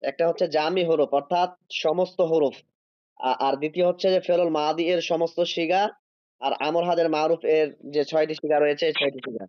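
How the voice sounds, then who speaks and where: Man, teacher, online Arabic grammar lesson, slow drawn-out word reading, fairly high voice, dull dry audio. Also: steady tone, dry recording. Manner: explains step by step, checks if students follow. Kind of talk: online class lecture.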